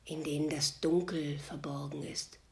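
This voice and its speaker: A woman's voice: low voice, fairly even intonation, unhurried. A woman voicing an old man remembering a tale, in whispered role-play. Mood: hushed. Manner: hushed, whispered. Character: old man recalling a legend.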